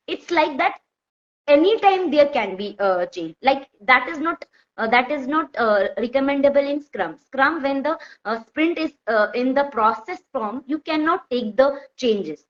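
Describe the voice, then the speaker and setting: A woman with a North Indian accent explaining informally with examples, in halting, repetitive phrases that she often corrects as she goes. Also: high voice. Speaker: software testing expert, guest speaker. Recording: dull, lo-fi audio.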